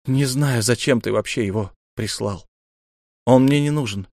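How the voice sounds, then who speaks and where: A man's voice: mid-range voice, moderate pace, a little mellow, no echo, clean studio sound, natural voice. A man voicing a proud, desperate young noble duelist, pleading in heated, raised outbursts.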